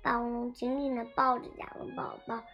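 A child reading a picture book aloud, haltingly, often repeating and correcting words. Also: mid-range voice, little pitch movement, gravelly, muffled recording, faint music behind. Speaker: storybook reader.

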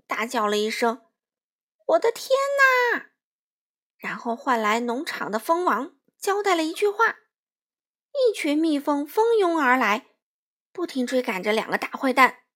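A woman reading a children's storybook aloud, gently and expressively, addressing young listeners. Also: high voice, big pitch swings, normal speed.

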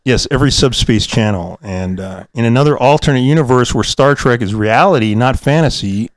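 A man co-hosts a podcast in casual after-show banter, hesitant, meandering and jokey. His mid-range voice is brisk, on a dry recording.

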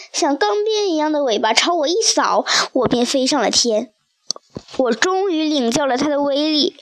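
A woman reading a children's audiobook aloud in a lively storytelling manner. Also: high voice, dry recording. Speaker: audiobook reader.

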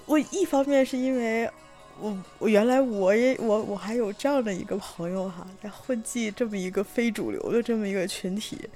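A young woman from Tianjin, chatting through a personal story with many fillers and restarts, sometimes bursting with excitement. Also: medium pitch. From Tianjin, China. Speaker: vlogger telling a personal story. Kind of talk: casual storytelling monologue.

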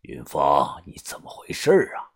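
A man voicing a weary older male gang boss who speaks low, slow and hushed in an audiobook. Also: natural voice. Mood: exasperated.

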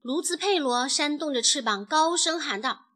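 A woman, a mother, narrating a children's storybook in an expressive, animated way. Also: high-pitched, normal speed.

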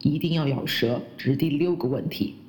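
A woman who speaks Chinese as her first language, teaching English pronunciation and slowly repeating the English words she models. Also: rumbling low, darkish tone. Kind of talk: pronunciation lesson.

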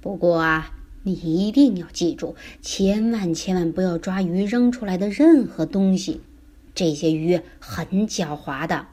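A patient father who gives calm, careful warnings in a slightly lower tone, read by a woman narrating a picture book. His words come slowly and plainly. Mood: cautioning. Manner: gentle, warning.

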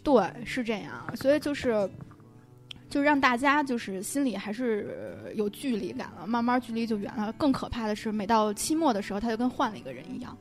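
Woman casually reminiscing, a bit high pitched, informal. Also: expressive, brisk, faint music behind. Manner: conversational, informal. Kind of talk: casual chat, recollecting.

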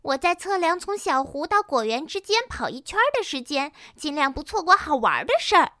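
A woman voicing a hyper, excitable little female pony in a storybook reading, squealing and rushed. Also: high voice, no echo, clean studio sound, pitched above the performer's own voice, heavily acted. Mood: excited.

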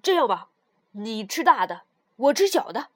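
A woman's voice: fairly high pitch, very animated, moderate pace, no room sound, studio quality, pitched below the performer's own voice. A woman voicing a big, strong, bossy male tiger in a children's story, with a drawling, offhand manner. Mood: coaxing.

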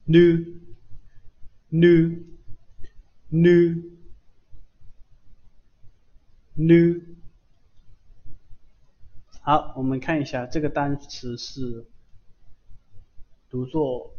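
A man's voice: medium pitch, fairly even intonation, slow pace, pauses often, muffled recording. A man teaching kana pronunciation in an online lesson, drilling each syllable over and over with patient repetition. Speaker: Japanese language teacher.

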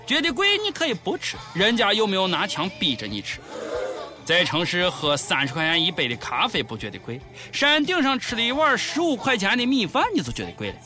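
A man's voice: sits high, wildly swooping pitch, brisk. A man with a Shaanxi accent hosting a comedy show, delivering scripted commentary in an exaggerated, sarcastic way.

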